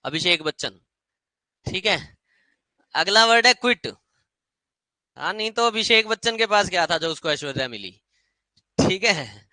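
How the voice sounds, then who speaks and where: A man teaching English grammar in a lively classroom lecture, repeating words as drills and slowing right down on English phrases. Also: high-pitched, no echo, poor audio.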